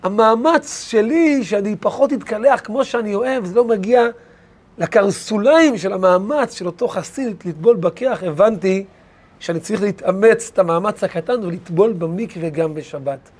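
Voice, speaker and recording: A man's voice: high-pitched, darkish tone. A man voicing a sincere young yeshiva student. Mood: reflective.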